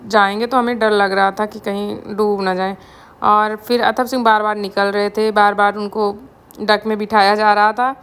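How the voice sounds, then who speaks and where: A woman's voice: fairly high pitch, clear, resonant tone. A woman from India narrating her family vlog in a chatty, storytelling voice-over, mixing English words into her talk. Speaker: family vlogger.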